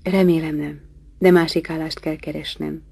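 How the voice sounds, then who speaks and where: A woman reading a novel aloud as an audiobook, in a measured, quiet and plain manner. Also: deep voice, little pitch movement, gravelly, breathy edge, dry recording. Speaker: audiobook reader.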